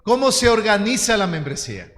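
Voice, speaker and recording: A man's voice: sits high, sing-song, brisk, fairly bright tone. A man, preaching a teaching sermon in an earnest, direct way and calling his listeners brothers. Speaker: pastor. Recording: long hall reverb.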